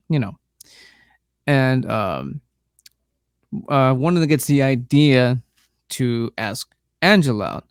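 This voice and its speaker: A man hosting a podcast, casually recapping a horror film in a rambling, halting way, full of fillers, restarts and the odd swear word. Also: medium pitch, clean tone, no echo, studio quality. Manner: profane, laid-back. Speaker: podcast host reviewing a film.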